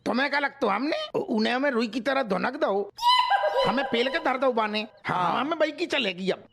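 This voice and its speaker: A man's voice: very high voice, animated, normal speed, gravelly, very noisy, full character voice. An actor playing a blustering, henpecked police constable who grumbles about his wife and father-in-law. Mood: grumbling. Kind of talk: sitcom acting.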